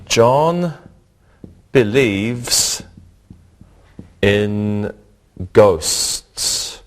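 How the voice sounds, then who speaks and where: A man teaching a scripted English lesson, speaking deliberately and repeating each word for learners. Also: lowish voice, animated.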